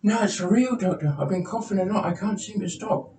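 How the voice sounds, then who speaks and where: A man voicing an anxious male patient in a comedy sketch, pleading in a high put-on voice. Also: fairly even intonation, brisk, darkish tone, close to an everyday voice. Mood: worried. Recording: roomy, distant, faint noise.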